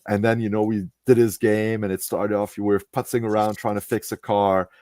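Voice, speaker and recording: A man's voice: on the low side, flat delivery, darkish tone, dry recording. A man hosting a casual online chat, recapping a tabletop game he ran, with lots of restarts and fillers. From Canada. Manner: halting, many restarts and fillers. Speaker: podcast host and game master.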